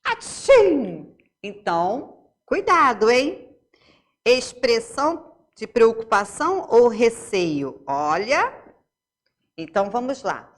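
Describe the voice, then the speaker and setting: A woman's voice: fairly high pitch, very animated, slow, long pauses. A woman teacher with a Brazilian Portuguese accent, giving a remote lesson to young pupils, explaining step by step and asking checking questions.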